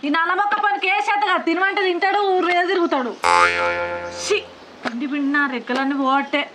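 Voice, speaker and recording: A woman's voice: very high-pitched, steady tone, brisk. An actress with a Telangana accent playing a village wife who scolds her husband with earthy insults, in a comic short film. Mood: grumbling. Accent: Telangana Telugu. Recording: loud background music.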